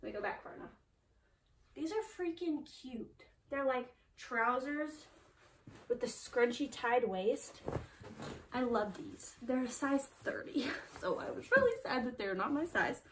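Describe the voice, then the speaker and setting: A chatty young woman talks through her thrift haul in a casual, filler-heavy way. Her voice sits a little high. She sounds slightly distant from the mic, with a faint hiss behind her. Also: expressive, unhurried. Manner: chatty, filler-heavy, enthusiastic about finds. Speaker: thrift reseller vlogger.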